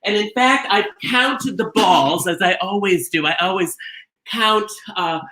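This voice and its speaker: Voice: medium pitch, unhurried, sharp tone. A performer playing a campy, gushing beauty-queen bingo hostess from Minnesota, with theatrical comic delivery in a bingo caller style. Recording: roomy echo, music behind.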